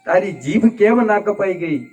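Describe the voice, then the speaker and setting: A man's voice: high voice, lively intonation, unhurried, a little mellow, slightly rough, faint music behind, heavily acted. A man voicing grieving prince Bharat. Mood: anguished. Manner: impassioned, tearful pleading. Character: young prince Bharat, grieving and self-reproaching.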